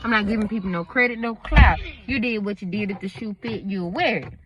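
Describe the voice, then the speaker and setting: A woman's voice: mid-range voice, fairly quick, crowd noise. A woman vlogger talking to her viewers in a casual monologue, emphatic and preachy, addressing them directly.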